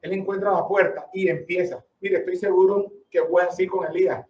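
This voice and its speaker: A man's voice: high-pitched, steady tone, brisk, a little mellow, reverberant, far from the mic, muffled recording. A man preaching a sermon with emphasis, asking rhetorical questions and calling the listeners brother.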